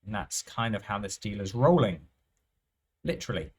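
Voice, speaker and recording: A man giving thinking-aloud commentary over live roulette play, musing and unhurried, often trailing off and restarting his phrases. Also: on the low side, animated, slightly rough. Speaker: roulette strategy presenter.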